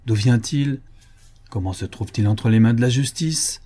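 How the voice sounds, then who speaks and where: Stern old court judge, a reader putting him on, dark voice, firm and questioning. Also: male voice, mid-range voice, moderate pace, lightly acted. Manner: indignant questioning. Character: stern older male court president.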